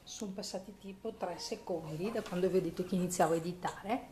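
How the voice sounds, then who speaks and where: A woman's voice: lowish voice, brisk, background noise. A young woman with an Italian accent, a mother talking casually to her viewers at home and cooing to her baby in a singsong voice. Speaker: vlogger mother. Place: home kitchen.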